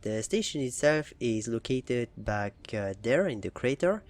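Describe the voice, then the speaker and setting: Speaking at a measured pace in a medium-pitched voice, a young man narrates his own gameplay for his gaming channel. His commentary is laid-back and tentative, packed with fillers and false starts.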